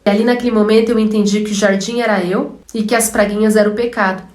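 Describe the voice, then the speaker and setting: A woman's voice: mid-range voice, fairly even intonation, quick pace, a little mellow. A young Brazilian woman, an evangelical minister, telling her personal religious testimony in an emotional, emphatic way and acting out dialogue. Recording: roomy echo.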